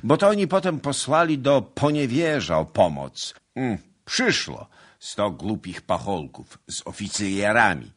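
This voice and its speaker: A man voicing a brash, hot-headed young nobleman in an audiobook, boastful and loud. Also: extremely low pitch, expressive, a little slow, hardly any pauses, exaggerated voice. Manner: boastful, loud and pleading by turns. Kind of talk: audiobook character reading.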